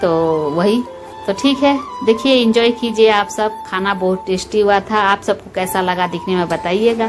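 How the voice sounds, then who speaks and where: In a casual, homely chat with her viewers, an adult woman who vlogs from home and has school-age children explains how she cooks lunch. She speaks at a medium pitch and moderate pace, her voice set under loud background music.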